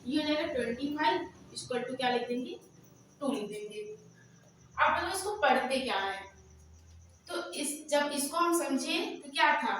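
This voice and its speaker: A woman teaching a math lesson who keeps asking questions and answering them herself, drawing out formulas slowly as she dictates them. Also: high voice, animated, a bit bright, slight background noise. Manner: slow, drawn-out dictation of formulas. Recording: very echoey room, voice from far off.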